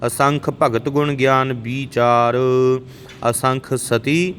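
A man teaching scripture pronunciation, reciting verses in a measured way and correcting words in quick asides. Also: fairly even intonation, fairly bright tone. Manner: slow measured recitation, brisk spoken corrections. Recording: reverberant hall, faint rumble.

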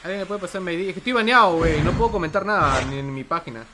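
A man's voice: a little high, racing, background noise. A young man, chatting casually while streaming a game and joking with his chat. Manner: rambling, joking banter with chat. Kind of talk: casual gaming livestream chat.

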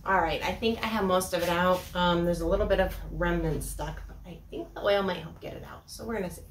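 Working in a small indoor workshop, a furniture upcycling host in her thirties explains her steps in a chatty how-to vlog, saying um often. Her brisk, low-side voice is captured at a distance by a camera mic, giving a roomy sound with slight background noise.

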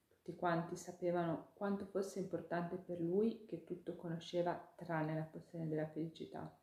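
Mellow woman reading a fairy tale. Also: lowish voice. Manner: gentle, measured storybook narration. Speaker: children's storyteller. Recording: echoey room.

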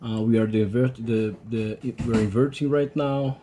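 A Brazilian man, speaking non-native English with a Portuguese accent, shows off his sailing catamaran on deck and in the cabin using a handheld action camera. His medium-pitched voice is warm and steady, with slight background noise, and his slow, halting delivery is full of pride as he lists the features of each thing he shows.

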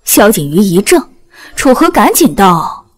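A woman narrating a serialized novel as an audiobook, with expressive storytelling. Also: mid-range voice, measured pace, husky.

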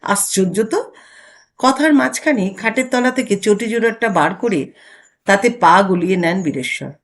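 A woman narrating a short story aloud in an expressive, dramatic storytelling style. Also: mid-range voice, normal speed.

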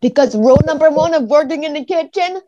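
A woman's voice: high-pitched, fast talker, noisy background. A woman off camera chiming in with friendly kitchen tips during a cooking demo. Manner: friendly, offers helpful tips. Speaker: off-camera viewer giving tips. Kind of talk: casual chat. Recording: dull, muffled sound.

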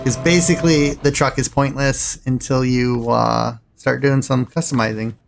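A man's voice: mid-range voice, steady tone, normal speed, vocal fry, soft background music, poor audio. A man casually commenting on his driving game as he plays, thinking aloud and rambling between choices. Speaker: gaming channel host.

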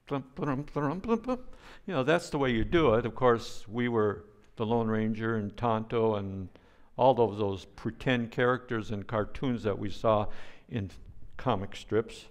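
An older man preaching a sermon as a pastor, speaking in a slow, deliberate way, with playful sound effects now and then. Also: fairly low pitch.

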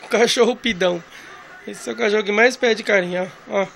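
A man's voice: high voice, fairly quick, gravelly, a bit bright, poor audio. A man filming his family at home on a phone, chatting playfully and doting on the family dog. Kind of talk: casual home video narration. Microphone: phone camera.

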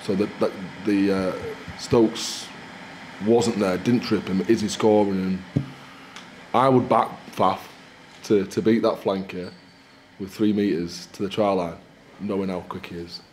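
Candid, low-voiced coach at a press conference. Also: male voice, steady tone, a little mellow, slight background noise. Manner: candid, measured, upbeat about his team. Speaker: rugby head coach. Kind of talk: post-match press conference answers. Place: small indoor press room in front of a sponsor backdrop.

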